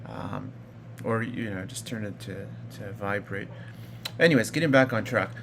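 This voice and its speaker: A man's voice: on the low side, normal speed, creaky, noisy background. A man in his thirties from Iraq, casually telling his personal story in a rambling way, full of fillers and restarts. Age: 30s. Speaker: vlogger.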